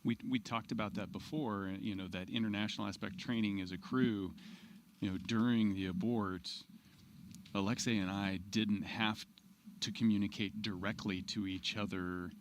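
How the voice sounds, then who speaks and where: A man with a lowish voice talks as an astronaut guest in an interview. His speech is reflective and unscripted. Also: fairly even intonation, moderate pace, slight background noise.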